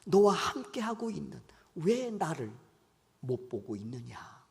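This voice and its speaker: A male pastor voicing a gentle divine teacher who speaks soothing, tender words of reassurance during a sermon. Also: fairly high pitch, big pitch swings, measured pace, creaky, full character voice. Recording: long church hall reverb.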